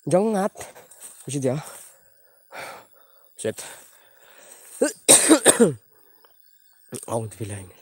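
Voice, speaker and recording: A man's voice: sits high, darkish tone, no echo. A man hosting a live night ghost-hunt stream outdoors, jumpy and praying aloud while he walks and reads out viewer names. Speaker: livestream host exploring at night.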